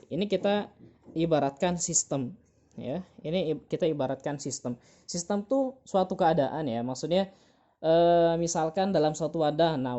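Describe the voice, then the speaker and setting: Low-voiced woman teaching chemistry online. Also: warm tone, dull audio. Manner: patient, repeats terms, frequent "gitu ya" fillers.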